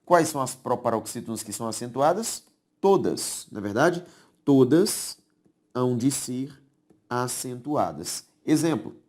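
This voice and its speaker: A man's expressive, medium-pitched voice with a darkish tone carries a Brazilian Portuguese accent as he lectures on grammar rules. He goes slowly, repeats key terms, and regularly confirms the class is following along.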